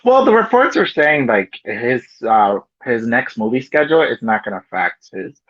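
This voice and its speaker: A man co-hosts a podcast in a loose, chatty casual conversation full of "you know" and "like". His medium-pitched, sing-song voice moves at a moderate pace, with no room sound and dull audio.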